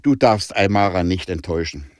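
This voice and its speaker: A man's voice: deep voice, expressive, a little fast, no echo, studio quality. A man voicing a desperate young woman in an audiobook, urgent and agitated. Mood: fierce, pleading.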